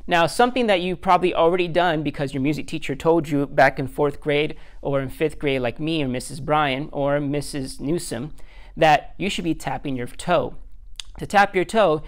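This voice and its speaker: A slightly high-voiced man teaches music in a recorded lesson, going step by step and counting beats aloud. His manner is patient and self-deprecating.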